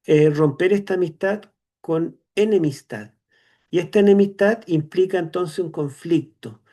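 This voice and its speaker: A Chilean man teaching a theology class, explaining slowly with many "eh" fillers and tag questions. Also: fairly high pitch, mellow. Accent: Chilean Spanish. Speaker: seminary teacher. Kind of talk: online theology lecture.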